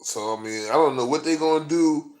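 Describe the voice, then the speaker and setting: Speaking fairly quickly in a slightly high, darkish voice, a man vlogs as a sports fan. His casual rant to camera is profane, frustrated, rambling, and packed with fillers.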